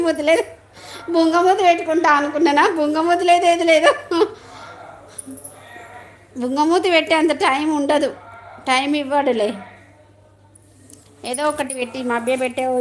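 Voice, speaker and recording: A middle-aged woman, chatting casually on a live stream, laughing often and greeting viewers. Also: sits high.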